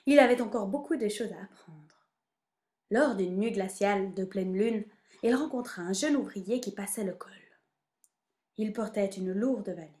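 A woman reading a children's storybook aloud in an expressive, measured way. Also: mid-range voice.

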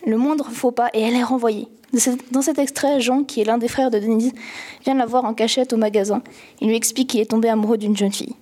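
A woman calmly reading a novel passage aloud and explaining it. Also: on the high side. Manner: calm, measured reading. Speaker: reader.

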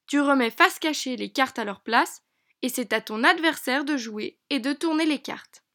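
A woman teacher narrating a lesson for young children in an encouraging, clear way, slowing down on key words. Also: high-pitched. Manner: bright, encouraging, speaks slowly to a child.

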